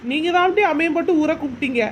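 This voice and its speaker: A woman's voice: sits high, rapid-fire, noisy background, natural voice. Woman doing a spiteful sarcastic village woman. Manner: sarcastic muttering asides. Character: sly grumbling village woman, scheming and spiteful. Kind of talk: cartoon voice acting.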